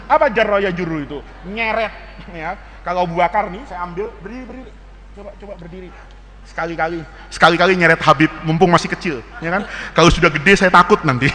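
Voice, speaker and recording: A man's voice: high-pitched, bright, forceful tone, long reverb tail, slight background noise. A man with an Indonesian accent giving a playful religious lesson to students, joking and mimicking dialects as he spells out words. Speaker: Islamic teacher.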